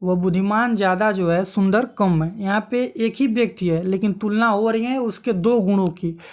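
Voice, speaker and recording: A female teacher gives an exam-prep grammar lesson, explaining patiently and repeatedly posing questions she then answers herself. Her voice is mid-range and a little mellow, at a moderate pace.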